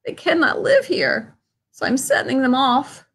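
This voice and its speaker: A croaky, wheezy little old forest creature, as a woman reading a storybook puts him on, fussy and indignant. He scolds in a raised, pinched voice that climbs well above a plain speaking voice. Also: high-pitched, very animated, a little slow, fairly bright tone, pitched above the performer's own voice, exaggerated voice. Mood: scolding. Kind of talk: reading a picture book aloud.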